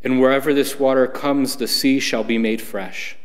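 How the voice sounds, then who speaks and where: A man reading scripture and leading the psalm at Mass in a steady, solemn way, with a cathedral echo around his voice. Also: mid-range voice, moderate pace. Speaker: lector. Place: large church. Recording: long church reverb.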